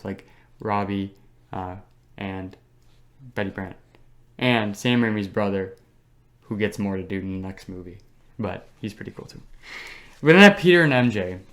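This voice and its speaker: A man's voice: lowish voice, normal speed, pauses often, fairly bright tone. A young man co-hosting a casual podcast chat, enthusiastic and slangy, teasing his co-host.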